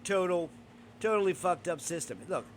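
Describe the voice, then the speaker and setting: A man's voice: sits high, lively intonation, moderate pace, a little hiss or hum. A man hosting a casual podcast, talking in a blunt, profane, opinionated way. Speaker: podcast host.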